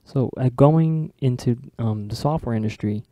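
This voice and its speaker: A young man hosting a podcast, chatting fast and loosely with lots of casual filler. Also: mid-range voice, warm tone, no echo. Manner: fast, chatty, loose with many likes and dudes. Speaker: podcast host.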